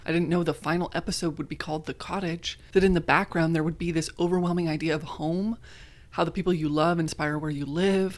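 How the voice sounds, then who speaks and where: A woman from the United States narrating a scripted video essay in a conversational, wry way, dropping in joking self-corrections. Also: low voice.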